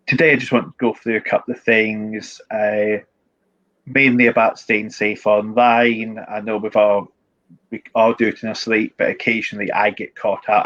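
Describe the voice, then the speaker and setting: A man's voice: lowish voice, fairly bright tone, muffled recording. A man with a strong Scottish accent giving informal, matter-of-fact tech advice as a guest, with a wry touch. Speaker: IT support director, guest. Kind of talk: informal explanatory talk with tips.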